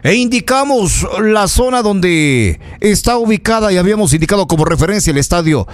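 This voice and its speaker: Hosting a local radio programme, a man with an Ecuadorian accent addresses listeners with live, opinionated commentary, indignant and emphatic, repeating phrases to drive points home. He speaks fairly quickly in a high, expressive voice.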